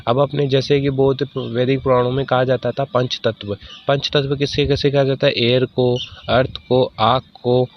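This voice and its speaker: A male chemistry teacher giving a slide lecture. He reads English terms slowly, then explains them, and keeps asking questions that he answers himself. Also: mid-range voice. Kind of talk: classroom lecture over slides. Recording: dull lo-fi sound with faint background noise.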